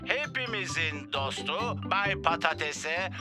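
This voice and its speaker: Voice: medium pitch, animated, slow pace, over music. An actor voicing a jolly, theatrical potato who presents a TV fitness show in a children's cartoon. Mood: showy. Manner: theatrical, hearty.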